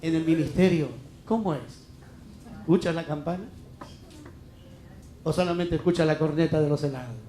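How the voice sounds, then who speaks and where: A man's voice: on the high side, normal speed, long pauses, warm tone, reverberant, slight background noise. A middle-aged Peruvian man preaching a heartfelt, emphatic sermon as a pastor, full of rhetorical questions. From Peru. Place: church hall.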